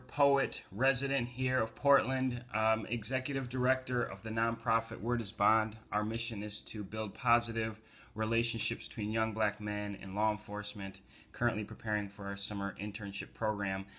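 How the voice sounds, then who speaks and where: A man's voice: on the low side, flat delivery, moderate pace, bright, forceful tone. A man, a community organizer and poet from the United States, talking casually with fillers before reading his poems aloud from home. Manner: loose talk with fillers, rising to emphatic poetry recital. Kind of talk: casual talk and poetry reading.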